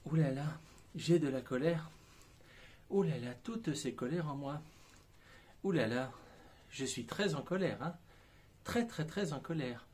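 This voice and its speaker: A timid man lamenting his pent-up anger, as played by a man, speaking slowly and softly with drawn-out sighs. His voice is gentle and plaintive. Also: on the high side, expressive, a little hiss or hum. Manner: slow, plaintive, soft-spoken.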